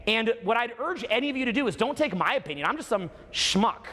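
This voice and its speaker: Animated high-voiced male speaker in echoing hall. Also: fast. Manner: dramatic, emphatic, piling up rhetorical questions. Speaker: motivational speaker. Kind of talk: spiritual motivational talk. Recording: echoing hall with long reverb.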